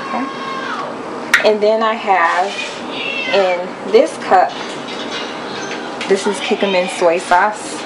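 A young woman giving a relaxed, step-by-step cooking demonstration in her home kitchen. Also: mid-range voice, takes it slowly, long pauses. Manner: relaxed step-by-step explaining with fillers. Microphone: camera held over the counter. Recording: loud kitchen noise behind voice. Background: pots, pans and sizzling.

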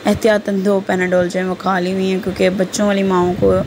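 A woman in her thirties with a Pakistani Urdu accent narrates a home cooking vlog as a mother, her voice-over chatty and rambling, recorded close to the mic. Her mid-range voice is level in tone and fairly quick, and she has a sore throat and a slight fever. The background is noisy.

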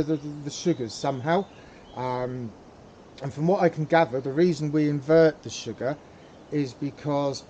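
A man's voice: a little high, warm tone, slight background noise. A man hosting a casual how-to demonstration, talking hesitantly with many fillers and repeated words. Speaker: pipe tobacco hobbyist, channel host.

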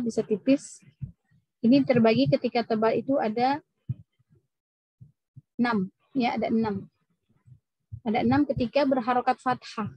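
A woman's voice: on the high side, slightly rough, no room sound, muffled recording. A woman teaching Quran recitation rules at a mosque women's session, patiently drawing out Arabic example words. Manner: patient, drawn-out demonstration of Arabic sounds. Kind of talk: tajweed lesson with recited examples.

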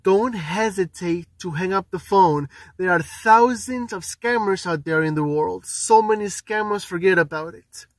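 A man's voice: sits high, unhurried, few pauses. A man in his thirties speaking emphatically and repetitively to camera, warning viewers. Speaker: prank video host. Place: small room and parked car interior. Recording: roomy, distant from the mic.

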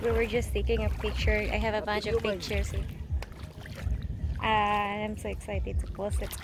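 A young woman with a Filipino accent vlogging outdoors from an action camera held at arm's length, chatting in a halting way with many fillers. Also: mid-range voice, monotone, over music. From Philippines. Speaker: travel vlogger. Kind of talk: casual travel vlog. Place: outdoors on a tidal flat and on a moving scooter. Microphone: handheld action camera at arm's length.

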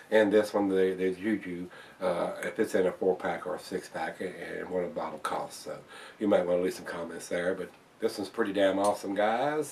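A man's voice: sits low, distant mic. An older man casually reviewing a beer to camera in his home bar, rambling with fillers and restarts. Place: home bar room, indoors.

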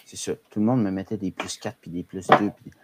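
A young adult man with a Quebec French accent is a panelist in a casual group podcast chat, joining by video call from a small room at home. His low voice is brisk and fairly even as he speaks emphatically, repeats himself and swears now and then. The call audio is noisy and full of clicks.

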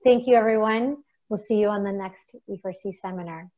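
A woman hosting an online seminar, wrapping up with thanks and announcements in a measured way over a video call. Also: medium pitch, mellow. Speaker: webinar host. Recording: dull lo-fi call audio.

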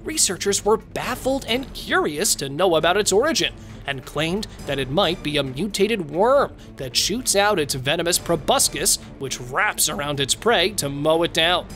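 A man reading scripted nature documentary narration as a presenter, in measured phrases. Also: on the high side, lively intonation, fairly bright tone. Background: music.

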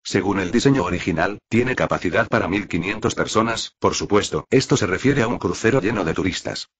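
A man's voice: fairly low pitch, lively intonation, fairly bright tone, slightly rough. A man reading a deferential android servant. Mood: formal. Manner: measured, deferential briefing. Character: loyal male machine servant, armored android.

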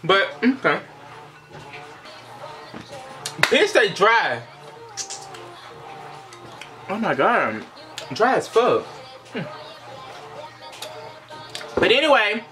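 Young man, mouth full, chewing, higher-pitched voice, casual vlog delivery. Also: big pitch swings, slow pace, pauses often, music in the background. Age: young adult. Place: small indoor room.

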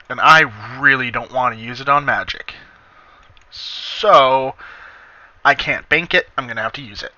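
A man's voice: medium pitch, pushed and bright, lo-fi sound. A man giving casual, informal let's-play commentary with some swearing, as the host of a gaming video. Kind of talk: casual let's-play commentary, reading game dialogue aloud.

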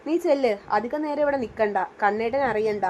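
A woman narrator voicing a young man who is ill with fever, speaking gently and protectively. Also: a little high, fairly quick, a little hiss or hum, natural voice. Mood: reassuring. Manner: gentle, reassuring.

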